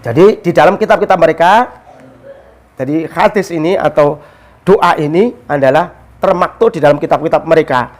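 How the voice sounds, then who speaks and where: This religious teacher, a man with a voice on the high side, talks at normal speed while casually explaining a story. He blends Arabic quotations with commentary in an animated, storytelling way.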